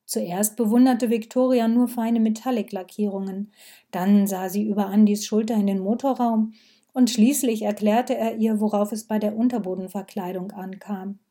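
A woman reads a story aloud in a calm, measured way, sometimes dropping to a hush. Her voice is very dark and mellow, sitting at an ordinary middle pitch. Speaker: narrator. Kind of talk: scripted narration.

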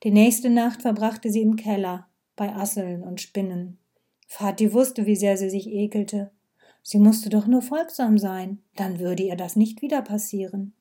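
Dark-voiced woman reading a story. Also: mid-range voice, a little slow. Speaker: narrator. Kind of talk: scripted narration.

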